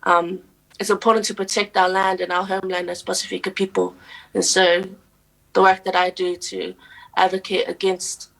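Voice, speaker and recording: Earnest young New woman, flat delivery. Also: medium pitch, vocal fry, low-quality recording. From New Zealand. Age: young adult. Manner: earnest and steady, with frequent "um" pauses. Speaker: guest, poet and youth advocate. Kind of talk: radio interview answers.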